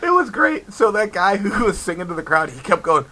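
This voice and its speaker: A man's voice: high voice, sing-song, brisk, pushed and bright, slight background noise, poor audio. A man co-hosting a podcast remotely from home, telling band stories in a casual chat and laughing often as he imitates people. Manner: laughing storyteller, mimics people he quotes. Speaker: podcast co-host and band guitarist.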